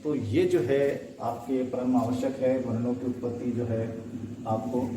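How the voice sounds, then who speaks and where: A man's voice: mid-range voice, background noise. A male teacher giving a lesson, reciting letters one by one and asking and answering his own questions. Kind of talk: Sanskrit phonetics lesson. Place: classroom or room, writing on a board. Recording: echoey room, voice from a distance.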